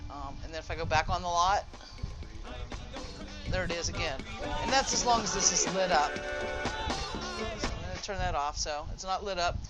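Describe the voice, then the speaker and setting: This gamer has a high voice, talks at normal speed, and pauses often while presenting a demonstration. His unscripted tutorial is casual and explanatory, with self-corrections along the way, over video game music.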